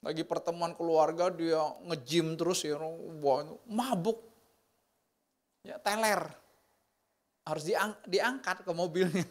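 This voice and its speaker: A man with an Indonesian accent preaching a conversational sermon, often asking his congregation questions and swinging from loud emphatic bursts to soft, near-whispered lines. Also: sits high. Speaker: pastor.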